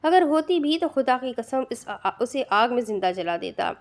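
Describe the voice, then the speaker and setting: This is a cold, merciless young man issuing threats in a storybook reading, voiced by a woman narrator. He speaks with harsh contempt and clipped commands. The voice sits somewhat high. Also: lively intonation. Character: ruthless young male avenger, cold and threatening.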